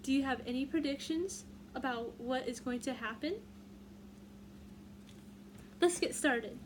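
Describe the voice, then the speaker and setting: A woman with a high, slightly slow voice reads a picture book aloud to young children in the manner of a teacher, asking her listeners questions as she goes. The recording has a clearly noisy room in the background.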